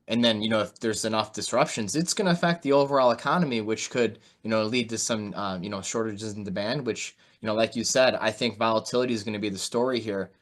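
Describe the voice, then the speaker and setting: Hosting an online interview over a video call, a man gives informal, conversational market commentary peppered with "you know." He's a market analyst, and his voice is lowish with a fairly bright tone.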